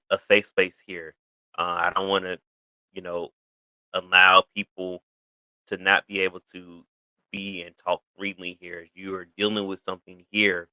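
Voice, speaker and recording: A thirty-year-old man hosts his own online show in a loose, chatty way, circling back with "you know" fillers and frequent restarts. His voice sits very low in pitch but comes across bright and forceful. The sound is close and dry, with no room echo. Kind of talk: casual talk to camera. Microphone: video recording for an online channel.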